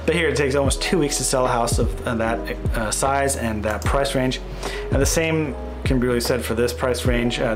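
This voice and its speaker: A real estate agent in his thirties gives a relaxed market update from his home office while sharing his screen. He rambles a little, fills pauses and corrects himself mid-sentence. His pitch sits in the middle for a man, and background music plays clearly beneath his webcam audio. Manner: chatty, thinking aloud with fillers and self-corrections.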